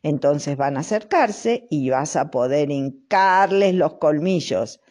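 A woman with a Rioplatense accent voicing a brisk, persuasive male farmer in a storybook. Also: sits low, lively intonation, darkish tone, exaggerated voice. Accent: Rioplatense Spanish.

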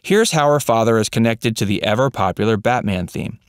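A man narrating a scripted voice-over, reading facts in an even, read-out way. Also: on the low side, a little fast, smooth, dry recording, clean studio sound.

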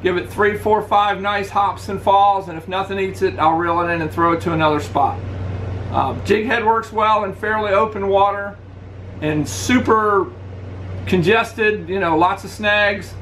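Speaking at a measured pace, a middle-aged man who runs a fishing channel gives a relaxed, practical gear review to his webcam at home in the living room, showing off lures as he goes. His voice is fairly high for a man. The audio is poor, and an air conditioner hums faintly underneath.

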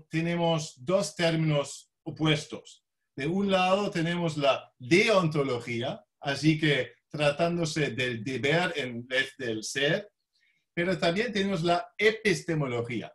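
A man who is not a native Spanish speaker gives an academic talk with a foreign accent, halting and often searching for words. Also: fairly high pitch, fairly bright tone. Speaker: law professor, visiting lecturer.

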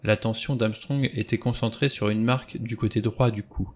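Guy reading a whole novel out loud, even and plain. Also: on the low side, moderate pace. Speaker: audiobook reader. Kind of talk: scripted narration.

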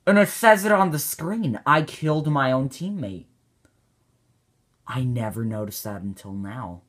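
A man doing reaction commentary on his own old gaming video, excitable and mocking himself. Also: mid-range voice, a little slow. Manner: mocking, self-deprecating, excitable.

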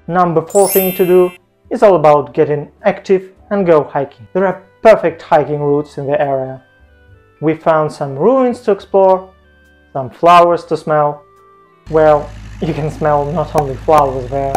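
A man's voice: on the high side, measured pace, darkish tone, faint music behind. Playful man vlogging with a lapel mic. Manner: playful, jokey asides. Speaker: travel vlogger. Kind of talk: scripted travel vlog narration. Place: home room, indoors.

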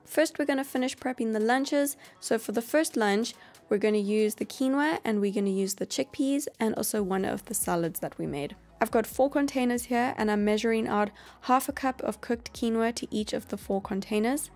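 A woman hosting a cooking channel, explaining each step of a meal prep in a calm voice-over. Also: a little high, normal speed. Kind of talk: instructional voice-over.

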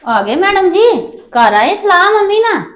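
A woman with a Punjabi accent and a very high voice plays a sister-in-law. She taunts and accuses, with sharp jabs at her rival. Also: very animated, normal speed. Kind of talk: scripted family drama acting.

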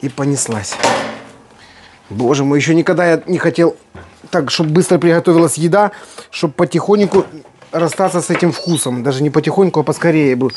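A man's voice: on the high side, a little fast, a little mellow. A man chatting casually as he cooks, playful and folksy, full of fond diminutives. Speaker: host of a home cooking video. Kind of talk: casual cooking chat while working. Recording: noisy kitchen, clattering and clicking. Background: kitchen work noise.

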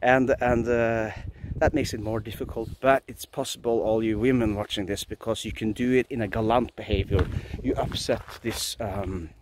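Background noise accompanies this Norwegian-accented vlogger, a man in his forties from Norway, as he muses philosophically and casually into an arm's-length phone among pine trees. His voice sits on the low side, steady and moderately paced with few pauses, though he frequently restarts.

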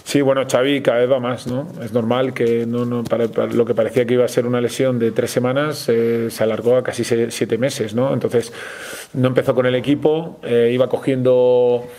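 A man with a Spanish accent, a basketball coach answering questions at a post-game press conference in a measured way, with many hesitations and restarts. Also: mid-range voice, flat delivery, warm tone.

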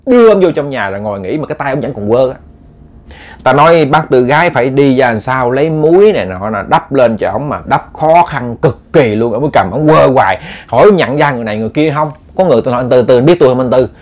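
A man telling a ghost story in a lively way, speaking straight to his listeners with many repeats. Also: mid-range voice, fast.

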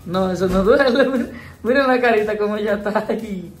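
A man's voice: sits high, moderate pace, faint music behind. A man with a Dominican accent hosting a casual vlog, chatty and teasing with the people around him. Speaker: vlogger host.

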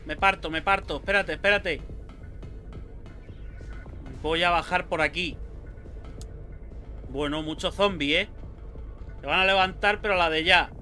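A young gaming YouTuber with a Spain Spanish accent narrates a let's play of a horror game, jumpy and prone to swearing and yelping at scares. His voice sits high and sharp, a little slow with long pauses. Faint music plays behind him.

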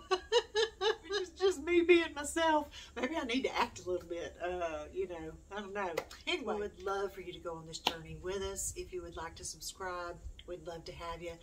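On the low side and at a moderate pace, this middle-aged homeschooling mom chats casually to her YouTube camera. Her talk rambles and she's self-deprecating. The recording, made in a small room at home, is noisy and comes from a distant mic.

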